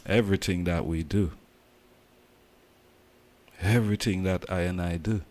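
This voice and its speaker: A man's voice: low-pitched, fairly even intonation, a little slow, a little mellow, slight background noise. A man from Jamaica with a Jamaican accent, talking emphatically in patois as host of a casual commentary.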